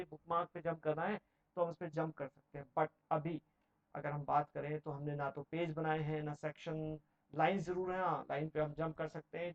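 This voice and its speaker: A man's voice: on the high side, lo-fi sound. A man teaching a computer lesson over a screen recording, explaining each step in a mix of Hindi and English. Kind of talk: screen-recorded software tutorial.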